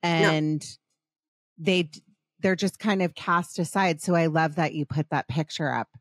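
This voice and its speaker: A woman's voice: low voice, steady tone, a little slow, no echo. A middle-aged woman hosting a podcast in casual chat, rambling and passionate, often restarting her sentences. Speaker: podcast host.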